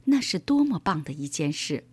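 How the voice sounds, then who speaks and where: A woman voicing a gentle, patient father explaining things to his son in a children's story. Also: sits low, big pitch swings, moderate pace, breathy edge, dry recording, heavily acted.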